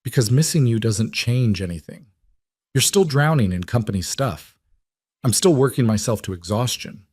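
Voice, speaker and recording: A man's voice: medium pitch, animated, moderate pace, a little mellow, slightly rough, dry recording, clean studio sound. A man voicing an exhausted, struggling young woman of twenty-nine, weary and strained. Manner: weary, strained, pleading for realism.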